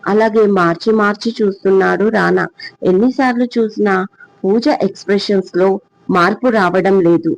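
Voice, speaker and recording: High-voiced male audiobook narrator. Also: normal speed, gravelly, no echo. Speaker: storyteller. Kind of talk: scripted narration. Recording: dull lo-fi, dry.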